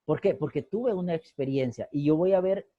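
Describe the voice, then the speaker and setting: A man's voice: on the high side, a little fast, dry recording, highs cut off. A man teaching a sociology class over a video call, asking rhetorical questions and repeating key phrases. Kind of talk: online class lecture.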